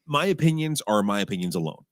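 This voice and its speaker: A man's voice: fairly low pitch, sing-song, fast, no echo, clean studio sound. A man co-hosting a podcast in casual chat, earnest and careful, often repeating himself. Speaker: podcast co-host.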